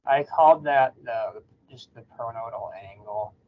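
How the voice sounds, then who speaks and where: A man's voice: mid-range voice, unhurried, phone-quality sound. A man joining a live bee identification workshop as a guest expert, answering hesitantly with many "uh"s. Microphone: computer mic on a video call.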